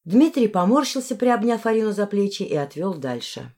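A woman narrating a fantasy novel in the first person with expressive phrasing. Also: medium pitch, normal speed. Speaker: audiobook narrator.

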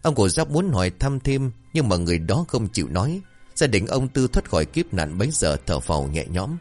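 Low-voiced male folk tale narrator. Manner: steady, measured narrating. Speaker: storyteller. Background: faint music.

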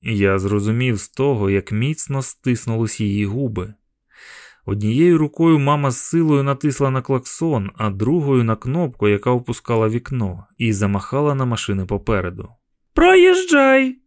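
A male audiobook narrator with a mid-pitched voice reads in an even, measured way. The recording is dry and close, with no room echo at all. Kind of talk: scripted narration. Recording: dry close studio sound.

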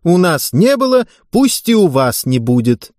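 A man voicing an angry, sharp-tongued middle-aged mother in an audiobook, speaking sarcastically in a raised, pushed-up voice. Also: a little high, sing-song, a little slow, dry recording, studio quality, voice pushed up. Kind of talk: audiobook character voice.

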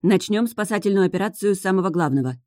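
A woman's voice: mid-range voice, expressive, fast, a little mellow, dry recording, studio quality, voice pushed up, natural voice. A woman voicing a bold young mermaid heroine who speaks urgently and insistently.

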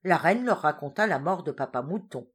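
Lively, expressive woman storyteller. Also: low-pitched, moderate pace, slightly rough. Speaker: audiobook reader. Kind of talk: storybook narration.

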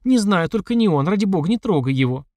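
A man's voice: expressive, fast talker, a little mellow, no room sound. Man doing a shrieking terrified young mother. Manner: pleading, shrill.

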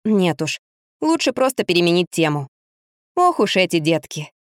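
A woman narrating a story in the first person as an audiobook, with a wry, lively storytelling manner. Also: fairly low pitch, normal speed, no room sound, studio quality.

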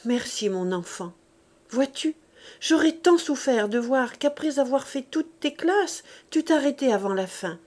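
A remorseful, tender old mother, as a woman reader gives her voice. She speaks softly and pleads with feeling. It sounds like dialogue in a read novel. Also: a little high. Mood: relieved. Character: aging peasant mother, grave, tender, remorseful.

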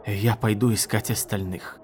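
A man's voice: fairly low pitch, steady tone, normal speed, a little mellow, a little hiss or hum, lightly acted. A male narrator voicing a weary young man who leads the defenders and answers the enemy boldly. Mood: determined. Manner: determined, bold.

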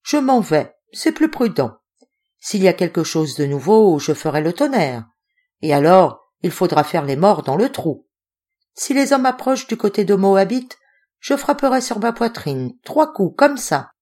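A woman voicing a proud, gruff male ape-man of the forest in an audiobook reading. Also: medium pitch, big pitch swings, unhurried, a little mellow. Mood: scornful. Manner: gruff and scornful.

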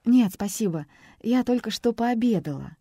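A woman's voice: on the high side, animated, normal speed, dark tone, breathy edge, no room sound, studio quality, voice pushed up. A woman voicing a shaken young woman. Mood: embarrassed, polite. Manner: trembling, emotional.

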